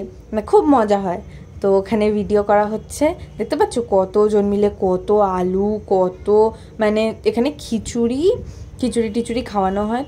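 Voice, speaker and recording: A woman's voice: medium pitch, mellow, slight background noise. A young woman narrating her own vlog in a chatty, playful, self-mocking voice-over. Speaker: vlogger.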